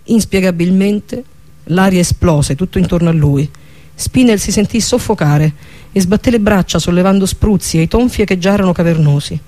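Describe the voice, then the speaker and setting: Man narrating an audiobook, pretty high voice, steady even reading. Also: moderate pace. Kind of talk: scripted narration of a fantasy novel.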